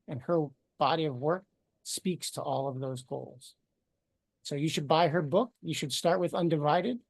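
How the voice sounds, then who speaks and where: Brief: man, slightly high voice, dry close sound, earnest host introduction. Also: no echo. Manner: earnest, measured. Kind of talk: formal introduction.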